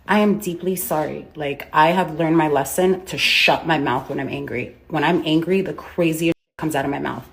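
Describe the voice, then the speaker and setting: A woman talking defensively into her phone, rambling and filling her sentences with "like" as she makes an apology video. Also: lowish voice. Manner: defensive, rambling, heavy use of "like". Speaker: business owner making a public apology.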